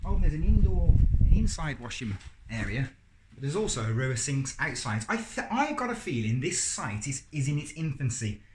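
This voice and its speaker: A man's voice: a little high, very animated, normal speed. A man with an English accent, chatting and joking as he walks viewers around a campsite, recorded outdoors on a handheld camera. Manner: chatty, jokey guide. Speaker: campsite reviewer. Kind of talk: walking tour vlog. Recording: loud outdoor noise.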